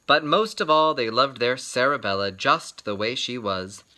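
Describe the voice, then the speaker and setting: This is a man reading a children's story aloud, his voice at a medium pitch. He tells it expressively, with deliberate, stagey phrasing and pauses held for drama.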